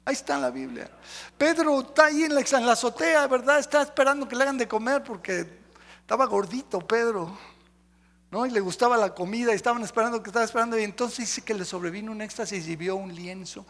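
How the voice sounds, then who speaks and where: High-voiced pastor preaching. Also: male voice, lively intonation, quick pace, a bit bright, long reverb tail. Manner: emphatic preaching, lists, asks the congregation questions. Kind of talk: sermon. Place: church sanctuary.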